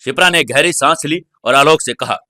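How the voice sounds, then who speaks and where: A man narrates a serialized audio drama in a steady, even storytelling way. His voice sits slightly high and sounds bright and crisp, recorded dry and close with no room sound. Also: brisk, dry recording.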